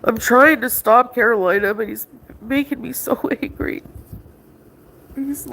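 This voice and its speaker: A woman's voice: on the high side, measured pace, vocal fry, background noise. A woman on a livestream ranting in an agitated way, arguing with someone offscreen and talking to her chat. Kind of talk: emotional livestream rant.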